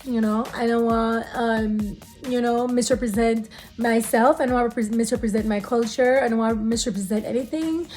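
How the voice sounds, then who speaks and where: High-voiced Belizean Creole woman, earnest. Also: a little mellow. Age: late 30s. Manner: earnest, repeats phrases for emphasis. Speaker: vlogger giving faith advice. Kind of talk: casual talk to camera with spiritual encouragement.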